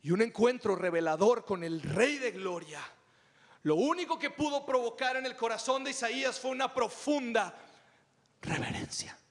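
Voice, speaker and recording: High-voiced Mexican pastor preaching. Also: male voice, normal speed, long reverb tail. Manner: animated, humorous storytelling with dramatic retellings. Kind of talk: sermon. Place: church hall.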